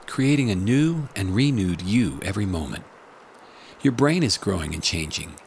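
A man hosting a guided meditation, narrating from a script in a calm, measured, soothing way. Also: fairly low pitch, slight background noise. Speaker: meditation podcast host.

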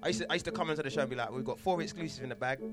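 London accent, man, radio host, casual slang, repeated phrases, swearing, loud music bed. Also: mid-range voice, rapid-fire.

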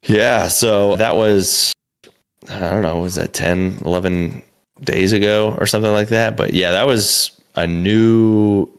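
A young comedian co-hosting a podcast talks a little slowly in a low, steady, clear and resonant voice. His story wanders, peppered with "like," restarts and casual profanity.

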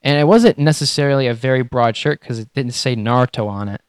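A young man co-hosting a podcast, telling a story in a rambling, hesitant way that trails off quietly. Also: mid-range voice, fast talker, clean tone, no room sound. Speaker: podcast co-host. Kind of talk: casual chat.

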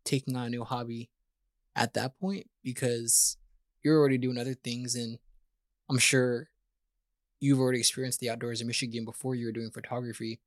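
A man's voice: medium pitch, level tone, a little fast, no echo, clean studio sound. A man hosting a podcast, asking questions in an upbeat, enthusiastic way. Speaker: podcast host. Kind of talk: casual interview hosting.

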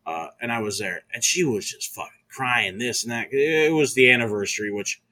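A young man tells a story in casual, profane chat, ranting and swearing freely. His voice is bright and a bit husky. When he gets heated he gets much louder. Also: mid-range voice, moderate pace.

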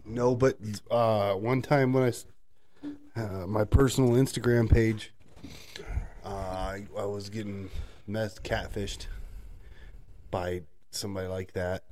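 Man, lowish voice, relaxed chat, laughing storyteller. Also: slow, pauses often, a little hiss or hum. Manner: storytelling, mimics people in high voices; laughs often while talking. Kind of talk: casual chat.

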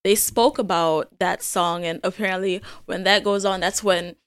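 A woman from Jamaica hosting a podcast, chatting in an animated way. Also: medium pitch, moderate pace, smooth, no room sound. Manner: animated, acts out quotes. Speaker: podcast host. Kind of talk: casual interview chat.

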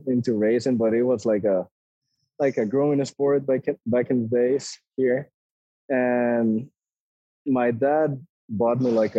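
A young man with a Costa Rican Spanish accent talks in an easygoing way, hedging with "like" as he goes. His voice is mellow and a little husky, and he is recorded dry and close. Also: medium pitch, no room sound, muffled recording. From Costa Rica. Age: 20s. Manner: easygoing, laughs often, hedges with like. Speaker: guest, ATV racer. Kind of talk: casual interview.

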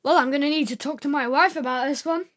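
A woman's voice: sits high, fast talker, fairly bright tone. A woman playing a clever, playful male spider trickster in a live storytelling performance. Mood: protesting. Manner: playful, bargaining, dramatic.

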